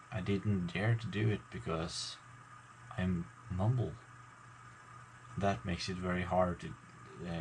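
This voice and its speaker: A man, a gaming video maker, talking casually to his viewers in a halting, mumbling way with many fillers and restarts. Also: low voice, slight background noise, poor audio. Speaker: gaming YouTuber. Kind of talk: casual talk to camera.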